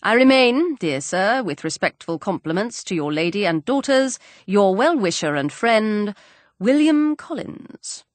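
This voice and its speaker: A pompous young clergyman from an audiobook, as read by a woman, stiff, formal and long-winded in his fawning politeness. The reading moves lively up and down in pitch, with a dry, close sound. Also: a little slow, no echo.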